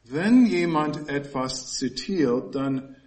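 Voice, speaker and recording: A man giving an expository Bible teaching, explaining the text in a measured way and stressing key words with pauses. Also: fairly high pitch, animated, a little mellow.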